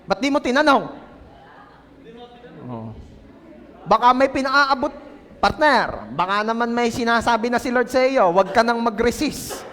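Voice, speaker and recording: A man's voice: very high voice, very animated, a little slow, pauses often, a bit bright. A male pastor preaching a playful sermon and coaxing the congregation to answer, in a reverberant church hall.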